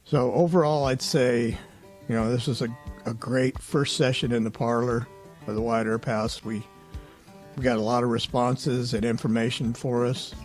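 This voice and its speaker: Soft music plays behind a man hosting a paranormal investigation show as he gives an informal voice-over recap. He talks in a relaxed, conversational way at normal speed in a mid-range voice, often hedging his views.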